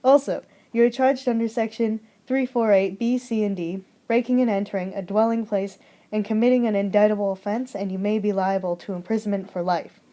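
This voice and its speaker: A woman's voice: medium pitch, fairly even intonation, brisk, warm tone, close to an everyday voice. A young woman voicing a police officer, reading legal wording in a stilted, formal way.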